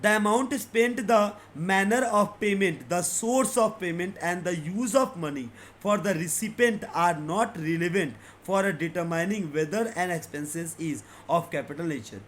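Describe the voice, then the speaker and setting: A man with a fairly high voice teaching accounts for exams, with a faint hum of ambience behind him. He reads each definition out slowly and carefully, then rattles through the explanation in everyday speech. He keeps addressing his students directly as beta and sir. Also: a bit bright. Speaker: commerce teacher. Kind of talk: exam-prep accounts lesson.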